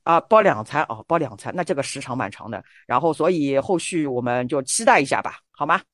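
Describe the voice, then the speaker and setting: A woman's voice: rumbling low, lively intonation, fairly quick, fairly bright tone, dry recording. A woman hosts a casual group talk show, explaining things in a conversational way. The recording is dry, with very little room around the voice. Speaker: podcast host.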